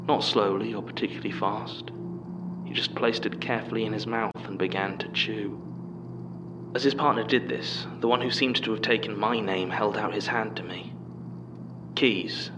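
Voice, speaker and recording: Low hushed man narrating horror. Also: background noise. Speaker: narrator reading a statement.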